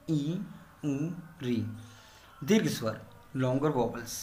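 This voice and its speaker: A male teacher giving a grammar lesson, explaining step by step and repeating key terms in English. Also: fairly high pitch. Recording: echoey room.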